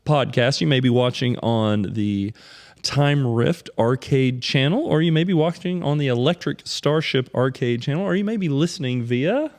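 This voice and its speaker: Male podcast host, casual and upbeat, mid-pitched, laughs easily. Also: normal speed. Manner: animated, chatty, laughs often.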